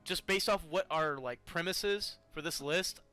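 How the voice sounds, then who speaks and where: A man's voice: fairly high pitch, moderate pace, pushed and bright, clean tone, faint music behind. A man co-hosting a casual gaming chat, emphatic and playful. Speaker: co-host.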